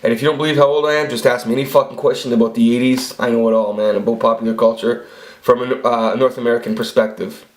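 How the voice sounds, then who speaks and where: Here a vlogger in his forties talks quickly, his mid-range voice keeping a fairly even intonation. He swears frequently, keeps restarting sentences, and rambles through crude tales in a laid-back monologue.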